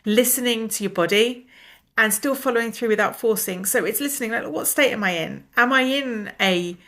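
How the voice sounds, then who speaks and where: A middle-aged woman with a blocked, nasal voice, sounding unwell and tired as she talks casually and reflectively to viewers with soft, low energy. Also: moderate pace. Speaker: personal development coach and video host.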